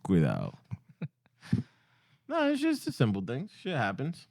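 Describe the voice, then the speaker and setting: A man's voice: medium pitch, huge pitch swings, a little slow, vocal fry, darkish tone, no room sound, studio quality. A man with a Dominican accent, co-hosting a podcast in casual chat that mixes English and Spanish, blunt and joking. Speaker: podcast co-host.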